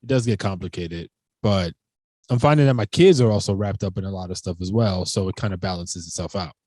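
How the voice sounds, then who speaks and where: A man's voice: sits low, warm tone, dry recording. A man hosting a podcast in casual chat, upbeat and slangy, plugging the show. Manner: upbeat, slangy, brisk host talk. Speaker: podcast co-host.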